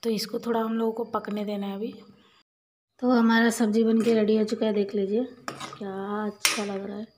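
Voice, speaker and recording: A woman's voice: medium pitch, flat delivery, normal speed, slight background noise. A young woman chatting casually to viewers while she cooks in her home kitchen, talking to her child now and then. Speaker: home cooking vlogger. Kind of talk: casual cooking vlog chat.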